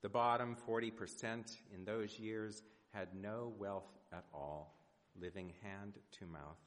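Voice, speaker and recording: A man preaching a prepared sermon, speaking in measured, rhetorical phrases with deliberate pauses in a church. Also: fairly low pitch, fairly even intonation, fairly bright tone. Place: large indoor church sanctuary. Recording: reverberant church hall.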